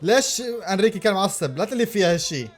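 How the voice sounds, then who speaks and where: Male football reactor, pitched high, loud repeated exclamations. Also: racing. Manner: excitable, exclaiming and repeating himself. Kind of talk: live match reaction.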